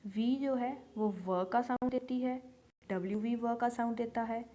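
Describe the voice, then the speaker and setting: Slow, patient woman teaching phonics. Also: fairly high pitch, warm tone. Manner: patient, repeats example words slowly. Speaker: English teacher. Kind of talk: slow phonics lesson for beginners.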